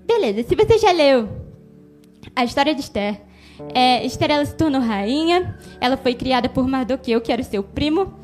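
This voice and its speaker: A woman gives a devotional, mixing a personal story with Bible teaching. She talks conversationally and speaks straight to the listener. Her voice is high, with soft music faintly behind her. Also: very animated, normal speed. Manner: conversational, addresses listener directly.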